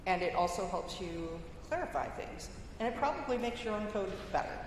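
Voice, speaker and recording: Speaking on a conference panel in a large hall, a woman talks about mentoring plainly and encouragingly. Her voice is medium in pitch, expressive and moderately paced, and the hall recording is echoey with light noise.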